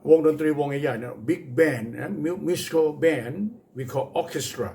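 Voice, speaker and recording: A man with a Thai accent teaching English pronunciation, speaking slow deliberate English with hesitant fillers, spelling words letter by letter and switching quickly into Thai explanations. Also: on the high side, warm tone. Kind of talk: bilingual pronunciation lesson.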